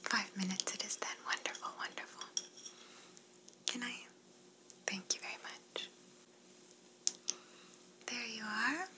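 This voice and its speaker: A woman's voice: on the high side, slow pace, long pauses, bright, forceful tone, exaggerated voice, low-quality recording. A young woman playing an attentive, courteous flight attendant in a whispered role-play, speaking politely as she offers service. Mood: courteous, soothing. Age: young adult.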